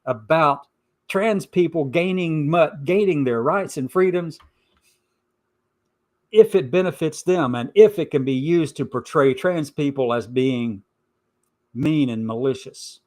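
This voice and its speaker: A man's voice: fairly high pitch, a little slow. Emphatic man giving informal opinion commentary. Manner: emphatic, repeats points for stress. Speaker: host of a commentary show.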